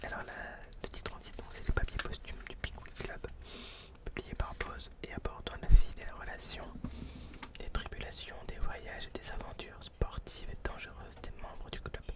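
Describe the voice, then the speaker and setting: A man's voice: moderate pace, distant mic. A man whispering hesitantly right into the listener's ear as an ASMR host, recorded at home on a close binaural microphone. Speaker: ASMR video host presenting old books. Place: indoors at home.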